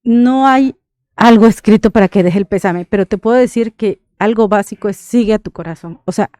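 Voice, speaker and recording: Her mid-range voice moves a little fast and sounds mellow, with no echo. Speaking as a thanatologist guest on the radio, this Mexican woman delivers sincere advice and regularly asks her listener "right?"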